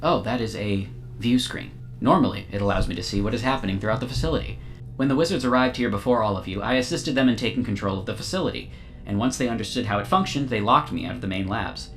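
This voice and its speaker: A man voicing a small, glowing male AI construct that speaks in a calm, formal, overly literal way. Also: lowish voice, quick pace, soft background music, close to an everyday voice. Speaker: game master. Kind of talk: tabletop game role-play.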